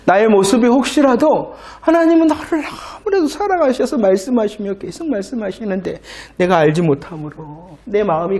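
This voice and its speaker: A man's voice: high voice, vocal fry, a little mellow. A male pastor preaching a sermon, asking rhetorical questions, answering them himself and repeating key phrases for emphasis.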